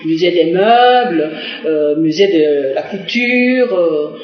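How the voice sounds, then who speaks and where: A middle-aged Korean woman, a diplomat, answers a TV interviewer in a lowish voice with lively intonation over soft background music. She hesitates often, filling pauses with "euh" and restarting phrases, and the sound is roomy and dull like an old lo-fi broadcast.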